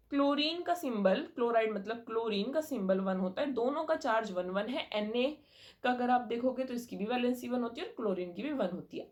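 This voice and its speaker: A young woman teaching a chemistry lesson in a patient, explanatory way, checking often that her students follow. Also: fairly high pitch. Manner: patient, explanatory, mixes in English terms and checks understanding. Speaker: science teacher.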